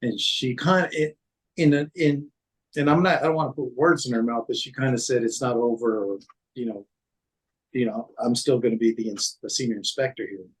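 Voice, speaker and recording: This former city code manager speaks in a medium-pitched, steady voice with a breathy edge, captured on a low-quality recording. Recounting old workplace episodes for an interview, he keeps restarting, uses many fillers, and quotes what others said.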